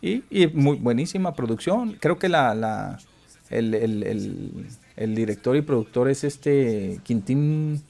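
A man's voice: mid-range voice, animated, slow, vocal fry, dark tone. A man, co-hosting a show and chatting loosely about films, rambling and stumbling over his words. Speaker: co-host. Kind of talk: casual on-air chat about films.

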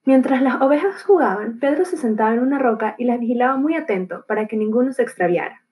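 A woman narrating a fable as a gentle, calm bedtime story. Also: fairly high pitch, quick pace, low-quality recording.

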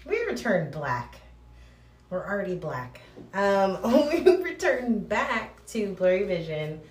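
A woman's voice: mid-range voice, sing-song, takes it slowly, recorded from a distance. Chatty woman echoing in a bathroom. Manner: chatty, self-correcting, laughs at herself. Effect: cave-like echo from a bathroom. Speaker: vlogger reviewing films. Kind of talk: casual rambling chat. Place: small bathroom. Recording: echoey bathroom with faint hiss.

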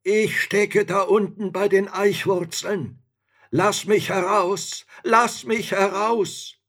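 A man voicing a huge, arrogant male spirit from a bottle in a storybook reading, with drawn-out, booming shouts. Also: fairly even intonation, heavily acted. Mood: pleading.

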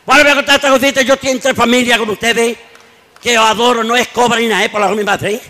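A man telling jokes on stage as a comedian, animated, acting out his characters' voices. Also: very high-pitched, fast talker. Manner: lively storytelling, acts out characters' voices. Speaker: stand-up comedian. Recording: long hall reverb.

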